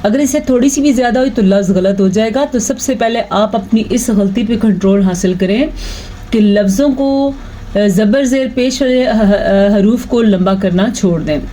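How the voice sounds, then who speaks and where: Mellow-voiced woman teaching tajweed. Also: mid-range voice, rough recording. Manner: patient, explains slowly, recites verses in a drawn-out chant. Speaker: Quran recitation teacher. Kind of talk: online tajweed lesson.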